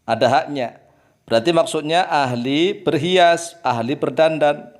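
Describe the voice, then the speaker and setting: A man's voice: on the high side, a little slow. Preacherly man drilling Arabic words. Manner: preacherly, repeats key words and drills pronunciation. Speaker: Arabic grammar teacher. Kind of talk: religious lesson.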